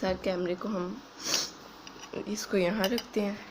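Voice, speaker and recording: A woman's voice: mid-range voice, fairly even intonation, slow. A woman records a casual family vlog on her phone in her kitchen at home. She chats easily with her viewers, calls them friends, and coos at a small child. Background noise runs through the phone recording. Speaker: family vlogger. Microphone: phone camera.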